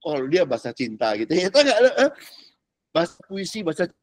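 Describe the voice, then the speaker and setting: A man's voice: a little high, big pitch swings, brisk, darkish tone, no echo. A man, a pastor, teaching a discipleship class in a casual, chatty way, mixing in slang and English and keeping on asking whether his listeners follow. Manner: chatty, keeps checking the class understands, drops English words; uses casual Jakarta slang. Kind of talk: informal teaching talk.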